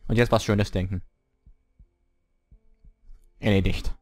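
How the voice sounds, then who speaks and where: A young man commentating a horror game he is playing, scared and swearing, his voice jumping up high when frightened. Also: steady tone, takes it slowly, a little mellow, no room sound, clean studio sound, faint music behind. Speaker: let's play gamer.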